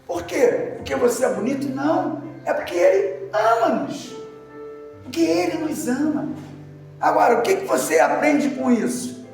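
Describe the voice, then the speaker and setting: A man preaching in a church with a very high voice, telling his story with shouted emphasis and bursts of laughter. He is heard from a distance in a strongly echoing hall. Faint music plays behind him. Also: animated, moderate pace. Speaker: deacon preacher. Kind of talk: sermon. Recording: echoey hall from far off with music.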